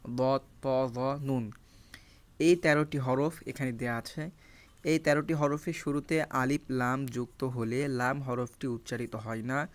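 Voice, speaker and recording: Guy teaching arabic out of a textbook, bengali speaker, goes slow and repeats every example. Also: medium pitch. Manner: steady, explains each rule step by step and repeats the examples. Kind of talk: reading through a textbook lesson.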